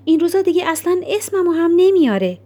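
A woman's voice: very high voice, big pitch swings, dark tone, pitched above the performer's own voice. A woman voicing an insistent, despairing young woman in an audiobook, speaking emphatically with a raised voice. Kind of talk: audiobook character reading.

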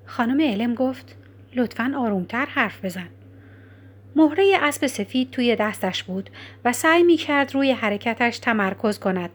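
Brief: woman narrator, high voice, slow soft audiobook read. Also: animated. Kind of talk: scripted narration.

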